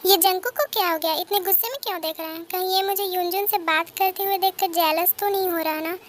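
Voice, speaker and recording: A woman's voice: extremely high pitch, fairly even intonation, fast talker, a little hiss or hum. A woman plays a lovesick, teasing teenage girl who sulks and pleads. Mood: sulky. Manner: pleading, sulky.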